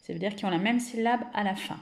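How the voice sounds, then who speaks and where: A woman's voice: medium pitch, quick pace, vocal fry, darkish tone, echoey room. A woman teaching young children remotely, stretching out words and syllables and praising often, with a French accent. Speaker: kindergarten teacher.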